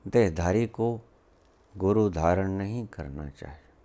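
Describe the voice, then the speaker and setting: A man delivers a spiritual discourse slowly, with long pauses between words. His pitch swings widely as he fires off rhetorical questions and scolds emphatically. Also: lively intonation, warm tone. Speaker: spiritual teacher.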